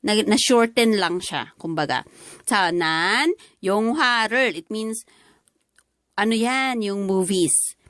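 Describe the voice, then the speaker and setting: A woman's voice: medium pitch, unhurried, a bit bright, dry recording, clean studio sound. A woman with a Filipino accent teaching a lesson word by word, with many fillers. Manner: mixes languages, explains word by word with many fillers. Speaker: language teacher. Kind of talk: classroom-style lesson explaining dialogue.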